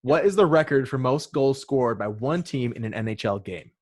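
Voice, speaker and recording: A man's voice: mid-range voice, expressive, normal speed. A man hosting a sports podcast, reading out trivia questions and options in casual chat with joking asides. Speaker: podcast host running a trivia quiz.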